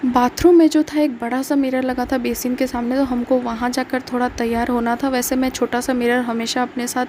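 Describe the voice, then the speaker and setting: A young woman talks casually to her camera as a travel vlogger, slipping English words into her sentences. Her voice is dark and mellow and holds a fairly narrow pitch range. A faint ambient hum sits behind her. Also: flat delivery, fairly quick. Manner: chatty, mixes English words into Hindi. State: feeling feverish, speaking softly. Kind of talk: casual travel vlog chat.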